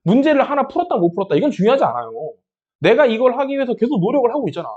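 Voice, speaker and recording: A man's voice: extremely high pitch, sing-song, racing, darkish tone, highs cut off. A man teaching math who breaks into an impassioned pep talk, scolding and encouraging his students with rhetorical questions.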